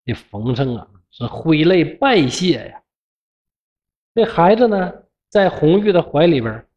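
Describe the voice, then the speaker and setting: Lively Northeastern Mandarin storyteller. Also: medium pitch. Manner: colloquial and expressive, swinging up and down. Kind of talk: humorous classical tale narration. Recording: dull lo-fi recording.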